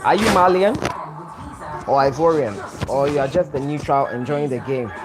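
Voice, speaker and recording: With a mid-range voice at normal speed, a man from Ghana runs a live football watch-along. He chats with his stream, reading out comments and welcoming viewers by name.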